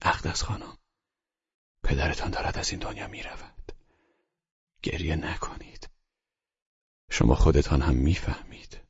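A man reading the part of a calm, earnest older doctor who speaks softly and often in a whisper. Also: rumbling low, long pauses, heavily acted. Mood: hushed, tender. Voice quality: husky. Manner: soft, hushed, often whispered. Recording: dull lo-fi recording.

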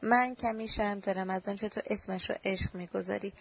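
A woman's voice: mid-range voice, fairly even intonation, gravelly, husky. A woman reading the lines of a weary young woman who answers with resigned doubt. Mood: doubtful. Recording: dull lo-fi recording.

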